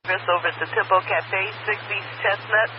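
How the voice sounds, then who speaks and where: A male police dispatcher heard over police radio, reading out calls and repeating addresses briskly. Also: sits high, fairly even intonation. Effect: police radio transmission. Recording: dull distant radio audio with static.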